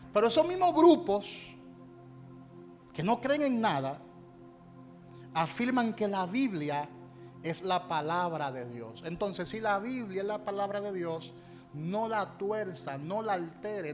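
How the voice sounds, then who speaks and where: A male pastor preaches to his congregation in a high voice. He drives his points home with emphatic refrains and has the congregation repeat lines after him. Music plays clearly underneath. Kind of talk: sermon.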